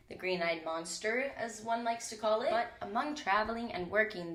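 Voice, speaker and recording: In a solo monologue for her own podcast, a young woman speaks in a mid-range, fairly bright voice. A cold leaves her a little stuffy, and from her small closet recording spot she's casual and candid, with some swearing.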